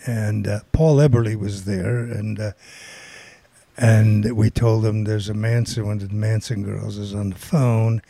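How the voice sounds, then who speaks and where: A man's voice: fairly low pitch, fairly even intonation, a little slow, creaky, warm tone, no room sound. An older man casually telling a long, rambling anecdote as a guest, with many fillers and restarts. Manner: rambling, filler-heavy storytelling. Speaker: guest storyteller.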